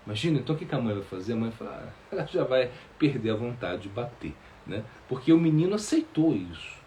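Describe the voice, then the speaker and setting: Halting spiritual teacher. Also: male voice, medium pitch, sing-song, mellow, slight background noise. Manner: halting, many fillers and repeated words. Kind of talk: sermon answering questions.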